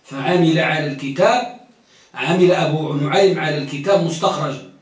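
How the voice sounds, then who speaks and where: A man's voice: on the high side, fairly quick. A man teaching a classroom lecture who quizzes his students and repeats key phrases. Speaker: teacher of hadith studies. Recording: very echoey room, distant mic.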